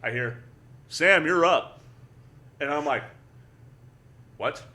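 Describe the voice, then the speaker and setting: A young adult man, a powerlifter appearing as a guest, tells a story in casual conversation. He's animated, swears freely, and often repeats words, speaking slowly in a slightly high voice.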